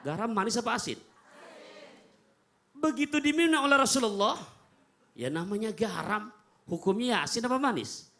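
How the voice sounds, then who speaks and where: A man preaching a humorous sermon to a live audience, animated and joking. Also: high voice, normal speed, pauses often. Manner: animated, jokey, addresses audience.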